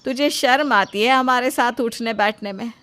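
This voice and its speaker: A woman's voice: a little high, moderate pace, a bit bright, lightly acted. A woman voicing a blunt, uneducated mother-in-law from a village, scolding and outspoken. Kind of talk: Hindi storybook voice acting.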